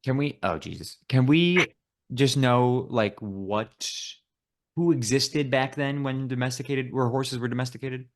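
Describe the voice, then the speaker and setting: A man from Buffalo, New York, co-hosting a podcast. He talks in loose, casual chat, teasing his co-host and joking around with the odd casual swear. His voice sits at an everyday middle pitch. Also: unhurried. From Buffalo, New York, USA.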